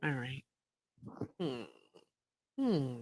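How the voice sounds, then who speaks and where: A woman's voice: a bass voice, very animated, drawn-out words, a little mellow, no room sound, studio quality. A woman hosting a casual livestream chat, blunt and skeptical with her callers. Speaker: host.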